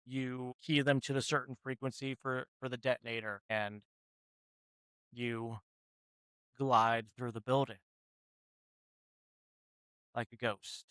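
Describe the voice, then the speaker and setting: A man narrating a tabletop game as game master, measured and deliberate. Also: medium pitch, flat delivery, fairly bright tone, clean tone, no room sound.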